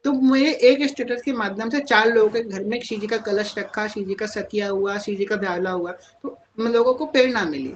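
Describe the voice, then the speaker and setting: Calm woman spiritual guide, mid-pitched, teaching patiently on a live call with faint noise behind her. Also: normal speed, few pauses, highs cut off. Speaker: spiritual guide answering devotees. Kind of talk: devotional Q&A talk on a live call.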